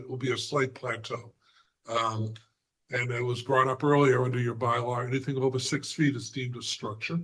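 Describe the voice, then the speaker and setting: A man presenting a plan at a zoning hearing, hoarse and halting, with many fillers and frequent throat clearing. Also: medium pitch, a bit bright, poor audio. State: hoarse, losing his voice. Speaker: applicant's representative. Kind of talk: presenting at a remote board hearing.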